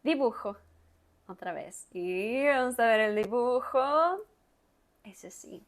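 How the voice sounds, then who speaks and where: Woman language teacher, unhurried and careful, repeats words and leans hard on each sound for learners to copy. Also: fairly high pitch, lively intonation. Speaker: Spanish teacher. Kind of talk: guided reading lesson with pronunciation drills.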